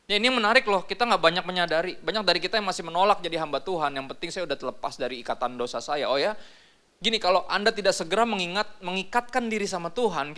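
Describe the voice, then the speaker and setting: A man's voice: on the high side, a bit bright. A male pastor, preaching a sermon in a casual, joking, slangy way.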